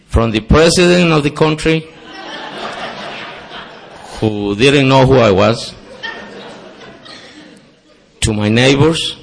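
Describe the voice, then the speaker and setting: In a meeting hall with a faint crowd audible, a man tells his recovery story earnestly, leaning on self-deprecating humor. He is Costa Rican, a native Spanish speaker with that country's accent. His mid-range, gravelly voice moves slowly, broken by long pauses.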